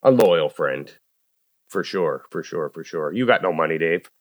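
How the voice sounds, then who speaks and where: A man with a low voice, recorded dry and close, gives short, easygoing answers as a podcast guest. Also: lively intonation, normal speed, dry recording. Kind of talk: casual chat.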